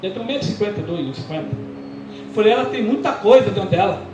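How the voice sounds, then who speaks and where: A man's voice: high-pitched, very fast, highs cut off, background noise. A Brazilian man, a pastor, preaching and telling his testimony in a church, acting out the dialogue as he goes. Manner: animated storytelling, acting out quoted dialogue. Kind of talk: sermon testimony. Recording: echoey church with music behind. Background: music.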